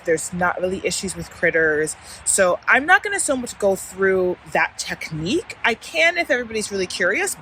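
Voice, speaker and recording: A woman's voice: lowish voice, fairly bright tone, low-quality recording. Woman vlogging outdoors over background noise. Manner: informal, easygoing talk to viewers. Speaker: gardening vlogger. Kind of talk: casual chatty backyard vlog. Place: outdoors in a suburban backyard and side yard.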